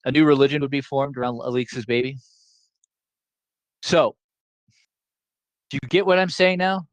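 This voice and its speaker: This is a casual online lecture in which a man jokes around and repeats himself to keep things easy to follow. He speaks at a normal speed with a medium pitch. The recording is dry and low in quality.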